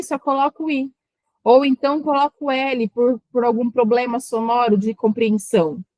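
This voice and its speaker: A woman gives an online exam-prep lecture in a fairly high voice, explaining with patience and sounding words out slowly, syllable by syllable. Her audio is close and dry, without any echo.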